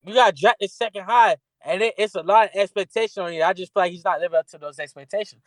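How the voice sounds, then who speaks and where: A man's voice: high-pitched, fast talker, no room sound. A man co-hosting a sports podcast in loose, slangy casual talk, often restarting his sentences. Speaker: podcast co-host.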